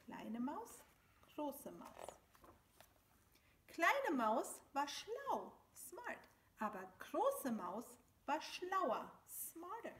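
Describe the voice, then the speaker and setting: A woman's voice: high-pitched, reverberant, slight background noise. A woman reading a children's story aloud, switching between two languages in a sing-song way. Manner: slow, animated, sing-song.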